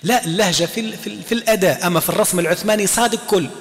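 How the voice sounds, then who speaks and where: A man giving an informal recitation lesson, chanting quoted readings slowly and answering students. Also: high-pitched. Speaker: teacher of Quran recitation. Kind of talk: classroom lesson explaining recitation. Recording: long hall reverb.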